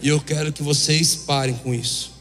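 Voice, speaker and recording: A man's voice: on the high side, moderate pace. A man in his thirties with a Brazilian Portuguese accent preaches a testimony to a congregation and acts out the dialogue as he tells it. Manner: lively storyteller who acts out dialogue. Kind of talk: testimony sermon told to a congregation. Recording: echoey hall with faint music behind.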